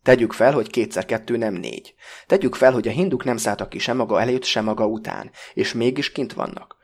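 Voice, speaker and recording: A man voicing a curt, sarcastic man who brushes aside feelings and demands facts. His tone is mocking and impatient. The husky timbre stays rough at the edges. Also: mid-range voice. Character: brusque, sarcastic bespectacled man interrogator.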